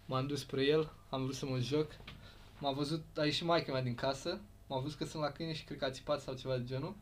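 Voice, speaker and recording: A man's voice: mid-range voice, fairly even intonation, slight background noise. A man co-hosting a podcast, telling childhood stories in casual chat, often laughing. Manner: laughing storyteller, playful. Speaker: podcast co-host.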